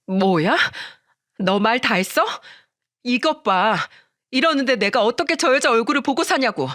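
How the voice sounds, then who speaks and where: A woman voicing a wronged wife who shouts and pleads in a narrated story. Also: a little high, animated, moderate pace, no room sound, studio quality, voice pushed up. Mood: furious. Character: wronged wife, furious and tearful.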